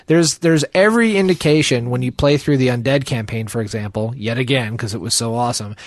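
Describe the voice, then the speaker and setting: A man co-hosting a podcast in casual chat, joking and animated with many "like"s. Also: mid-range voice, a little fast, dry recording. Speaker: podcast co-host.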